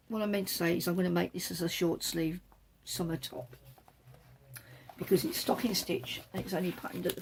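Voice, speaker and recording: A woman's voice: lowish voice, creaky, darkish tone, husky. A woman hosting a knitting podcast, chatting casually as she shows patterns from a book, rambling and correcting herself as she goes.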